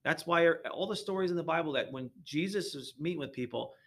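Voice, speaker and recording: A man's voice: fairly high pitch, a little fast, a bit bright. A man guesting on a podcast, talking earnestly about faith in a preachy way with many restarts.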